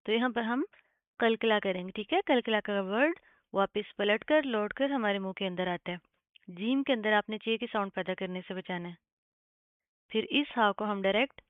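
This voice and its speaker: A woman teaching Quran recitation, spelling out letters and reciting slowly and drawn out, often checking with "okay?". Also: medium pitch, clear, resonant tone, no room sound. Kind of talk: tajweed lesson with spelled-out recitation. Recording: tinny phone-like, dry sound.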